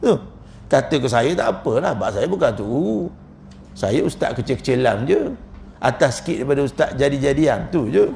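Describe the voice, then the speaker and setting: A man's voice: medium pitch, expressive, a little fast, vocal fry, darkish tone, a little hiss or hum. A man with a Malaysian Malay accent giving a humorous religious lecture as a religious teacher, joking and chuckling often as he tells his stories.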